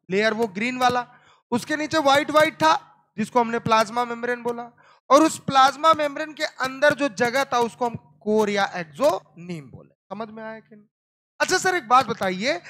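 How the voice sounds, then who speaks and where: His pitch is extremely high, pushed and bright. He's a biology teacher lecturing students, going over terms repeatedly, quizzing the class over and over about whether they understood, and calling each of them "beta."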